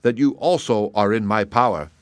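A man voicing a cruel, quick-tempered male gnome king who roars and snarls his threats. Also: on the low side, no echo, lightly acted. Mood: gloating.

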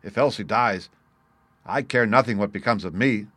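A man's voice: on the low side, moderate pace, fairly bright tone, no room sound. Audiobook villain, played by a male narrator: swaggering American crook, blunt, proud, defiant, closely recorded and dry. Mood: despairing. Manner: blunt, colloquial, defiant speech. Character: swaggering American criminal, fierce, grief-stricken and proud. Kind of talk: audiobook character dialogue.

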